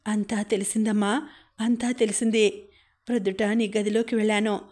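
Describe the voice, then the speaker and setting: A woman's voice: mid-range voice, little pitch movement, moderate pace, a little mellow, close to an everyday voice. A woman reading the lines of a grieving elderly father in a choked, pleading way.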